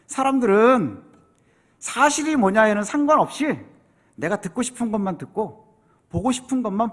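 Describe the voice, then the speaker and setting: A man's voice: very high voice, fairly bright tone. A man preaching a sermon as pastor, explaining scripture and acting out quoted voices with rising intensity.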